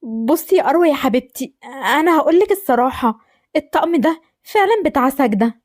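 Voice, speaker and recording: A woman's voice: sits high, lively intonation. A woman with an Egyptian accent voicing a loving, anxious mother in an amateur voice drama, tender and fretful. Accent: Egyptian Arabic. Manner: tender, fretful, talks fast.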